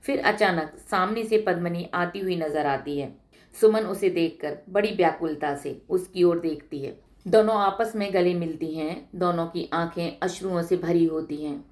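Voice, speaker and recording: A woman narrating her own story with a measured, expressive reading. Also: fairly low pitch.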